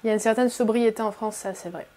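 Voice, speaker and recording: A woman's voice: on the high side, fairly even intonation, fast talker, mellow, a little hiss or hum. A woman hosting a reaction video, explaining casually with many fillers and frequent restatements. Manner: chatty, many fillers and repeated "effectivement".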